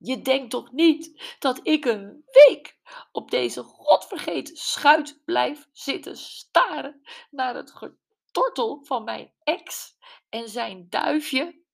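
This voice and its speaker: A woman voicing an upset, bitter woman who rages about her ex-husband in a shrill, agitated voice. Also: very animated, takes it slowly, gravelly, full character voice. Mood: upset, indignant.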